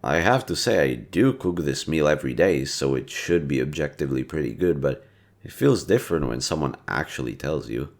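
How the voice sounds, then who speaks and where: With an extremely low, expressive voice and a brisk pace, a man performs in a roleplay audio that has slight background noise. His character is a kind young guy, teasing and quick to get flustered, chatting playfully and directly to the listener. He sounds caring and gentle, casual and slangy, tossing in muttered asides.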